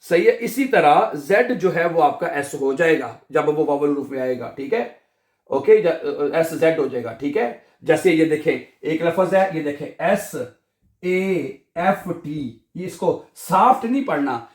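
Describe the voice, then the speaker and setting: A man's voice: a little high, expressive, unhurried, darkish tone, reverberant. A man with a Pakistani Urdu accent teaching a beginner language lesson, patiently repeating each sound and checking that students follow.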